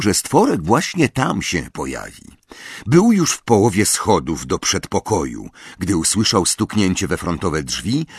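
A man narrates a storybook with a husky, low voice. His pitch moves a lot as he tells the story expressively. The recording is dry and close. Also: dry recording. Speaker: audiobook narrator. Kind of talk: scripted narration.

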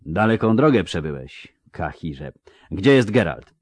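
Guy reading as a gruff defiant young swordswoman, low dry voice. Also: very animated, a little slow, dry recording, full character voice. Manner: grumbling, defiant. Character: young woman swordfighter, sharp-tongued and defiant.

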